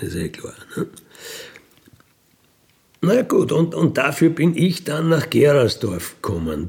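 A fifty-one-year-old career criminal with an Austrian accent tells his life story in unscripted, colloquial fashion, matter-of-fact and often tacking a questioning tag onto his statements. His voice is mid-range, gravelly and a little mellow.

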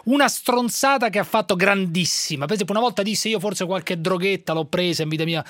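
A man's voice: sits high, fairly quick, fairly bright tone, no room sound, clean studio sound. A man hosting a call-in radio show, interrupting and pressing his questions again and again. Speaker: radio host.

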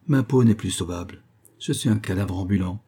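A man's voice: sits low, fairly quick, dark tone, breathy edge. A man reading as a weary, defeated man. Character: weary self-loathing middle-aged man, resigned.

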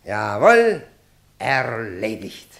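Highly strung haughty gentleman in a radio play, impatient and sharp, voice jumping all over. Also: expressive, fast, roomy sound. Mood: scornful triumph. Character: agitated, impatient gentleman chess amateur, scornful and highly strung.

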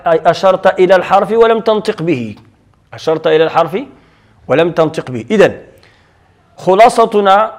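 A man's voice: fairly high pitch, darkish tone. A middle-aged man with a Moroccan accent lecturing on Quran recitation rules, explaining patiently and asking himself questions. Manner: explanatory, repeats key terms and asks himself questions. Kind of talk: classroom lecture on tajweed.

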